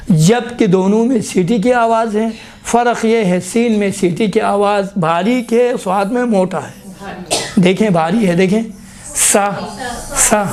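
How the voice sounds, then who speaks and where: A man's voice: high voice, darkish tone. Man teaching recitation, sounding out letters. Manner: repeatedly demonstrates letter sounds aloud, prompting "look". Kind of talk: classroom tajweed lesson.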